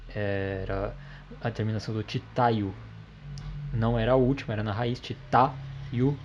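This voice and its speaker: A man teaching a language lesson, calmly explaining grammar step by step and checking in with the listener often. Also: on the low side, dull audio, a little hiss or hum.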